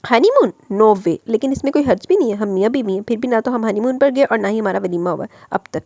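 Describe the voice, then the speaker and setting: A woman's voice: a little high, expressive, fast talker, darkish tone, no echo. A woman doing a hurt, outspoken young wife. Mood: reproachful. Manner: emotional, pleading and reproachful.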